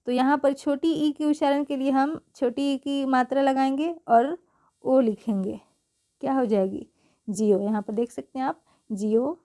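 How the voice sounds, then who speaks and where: A high-pitched, warm-toned woman gives a patient lesson on English pronunciation and spelling rules. She spells out words one letter at a time and regularly checks for understanding.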